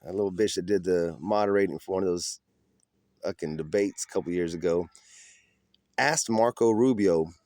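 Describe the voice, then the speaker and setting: A man's voice: deep voice, moderate pace, darkish tone, no room sound, clean studio sound. A man ranting outdoors in the cold, giving profane, combative and mocking political commentary. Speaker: political vlogger.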